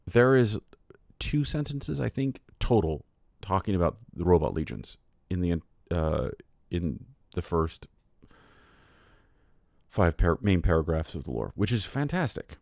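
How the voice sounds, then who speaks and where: A man's voice: deep voice, big pitch swings, a little slow, gravelly, darkish tone, no echo, studio quality. A tired man hosting a casual livestream, reading lore aloud and chatting, often laughing and getting sidetracked. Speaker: streamer host.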